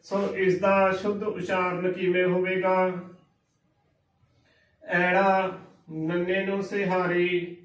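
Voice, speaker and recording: A man's voice: sits high, little pitch movement, slow, pauses often, echoey room, far from the mic, low-quality recording. A man teaching scripture pronunciation, spelling each word out letter by letter and repeating the right and wrong forms. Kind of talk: slow spelling-out pronunciation lesson.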